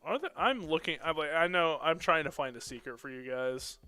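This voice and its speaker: A young man giving live play-by-play commentary on a student esports match, excitable and joking between plays. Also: fairly high pitch, smooth, faint music behind. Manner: excitable, quick reactions, jokes between plays.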